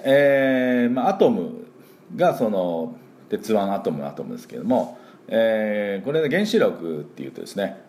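A man hosts a daily spoken English lesson, chatting casually with plenty of fillers and stopping to say words aloud for listeners to copy. His voice sits low, yet his pitch rises and falls a great deal. The tone is soft and mellow rather than bright. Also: a little hiss or hum. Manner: chatty, filler-heavy, models pronunciation aloud. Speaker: English teacher and school principal.

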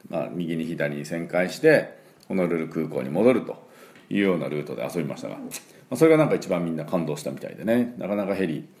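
A Japanese-speaking man teaching English pronunciation, repeating each sound slowly for learners and filling pauses with "um" and "well". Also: deep voice, very animated, creaky, a little mellow. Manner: frequent fillers "えー" and "まあ". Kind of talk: pronunciation lesson.

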